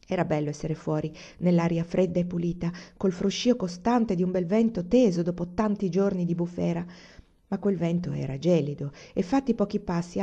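A woman reading a novel aloud as an audiobook narrator, in an even storytelling manner. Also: lowish voice. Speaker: audiobook reader. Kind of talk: scripted narration. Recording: dull lo-fi recording.

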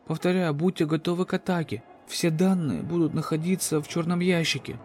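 A man's voice: on the high side, fairly even intonation, brisk, darkish tone, pitched above the performer's own voice, lightly acted. A man playing a desperate wounded spaceship captain, urgent, strained and commanding, in a sci-fi horror audio drama. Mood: urgent alarm.

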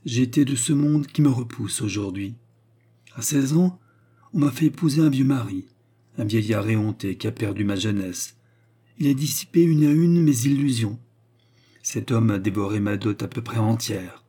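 Male reader playing a scheming young woman, husky, higher than his own voice, coaxing audiobook role. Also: expressive, normal speed, warm tone. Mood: earnest. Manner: pleading then commanding, coquettish. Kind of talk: audiobook reading.

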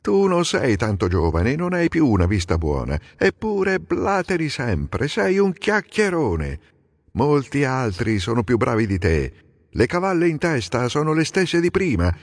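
A man's voice: mid-range voice, very animated, normal speed, no room sound, studio quality, voice pushed up. A man voicing a rude warrior who sneers and mocks, in a dramatic audiobook reading. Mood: mocking. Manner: sneering, insulting.

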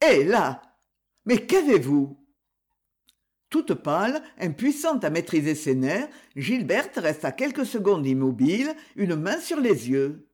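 A woman with a fairly low voice narrates an audiobook, delivering the story in a measured yet expressive way.

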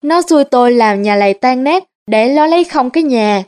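A woman voicing a shrill old woman, who wails and shrieks. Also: lively intonation, normal speed, a little mellow. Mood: wailing. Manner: shrill, wailing.

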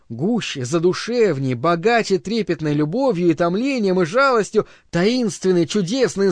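A man reading a novel aloud as an audiobook narrator, in a measured, expressive literary style. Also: high voice, no echo. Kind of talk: scripted narration.

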